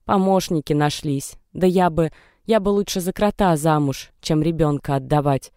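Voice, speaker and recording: Brief: narrator playing a desperate young mother-to-be, tearful and defiant, mellow, clean and close on mic. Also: medium pitch, normal speed, smooth, dry recording, lightly acted. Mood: bitter. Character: young distressed pregnant woman. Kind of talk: audiobook character reading.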